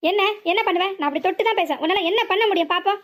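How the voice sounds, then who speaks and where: A woman's voice: very high voice, racing. A woman voicing a smug, pushy village husband with a southern Tamil Nadu accent, taunting his wife in a cartoon. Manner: taunting, mocking. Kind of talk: cartoon voice acting.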